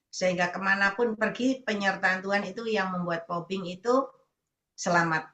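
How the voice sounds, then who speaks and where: A woman's voice: mid-range voice, normal speed, pushed and bright. A woman evangelist answering a testimony with affirming, rhythmic phrases and a blessing. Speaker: evangelist leading prayer meeting. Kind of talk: preacher's response and blessing.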